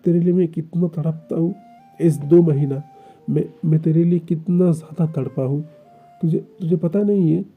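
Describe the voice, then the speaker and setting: A man's voice: a little high, fairly even intonation, normal speed, husky, narrow, tinny audio, soft background music. Lan Zhan, a man voicing a possessive jealous young lover. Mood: pleading. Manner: stammering, pleading and reproachful.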